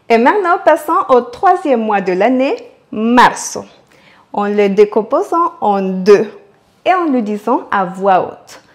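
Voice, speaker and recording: A woman giving a scripted language lesson, slowly sounding out words and repeating them for practice. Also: sits high, darkish tone. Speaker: Spanish teacher.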